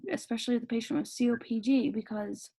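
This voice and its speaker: Higher-pitched female student with a dark, husky sound, hesitant asker. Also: steady tone, quick pace, no echo. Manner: hesitant, questioning. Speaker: nursing student. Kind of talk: class discussion. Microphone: video call.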